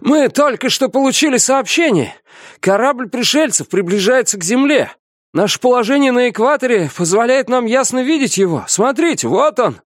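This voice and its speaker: A man's voice: very high-pitched, expressive, normal speed, no echo, clean studio sound, pitched above the performer's own voice. A man voicing an out-of-breath male first mate on a ship, reporting news urgently. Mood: breathless, urgent.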